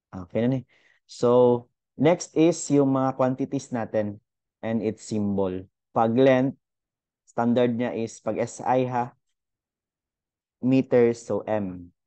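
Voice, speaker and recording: A man's voice: mid-range voice, mellow, no room sound. Chatty young male teacher. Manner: chatty, code-switching, thinks aloud with fillers. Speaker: physics teacher. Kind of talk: casual online lesson.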